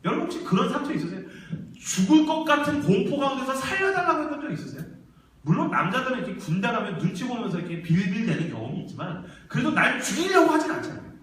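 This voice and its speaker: A man's voice: very high voice, fast talker, slight background noise. A man preaching a sermon to young adults in a large church hall, telling stories vividly and acting out the voices of the people in them. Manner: lively storytelling, acting out quoted voices. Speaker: church ministry staff preacher. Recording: very echoey church hall, mic far off.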